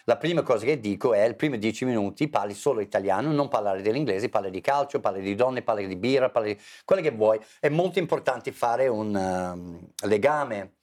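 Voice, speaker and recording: A man's voice: on the low side, brisk, hardly any pauses. Man teaching in Italian. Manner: animated, hesitant, switching between Italian and English. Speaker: English teacher and author. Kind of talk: conversational interview.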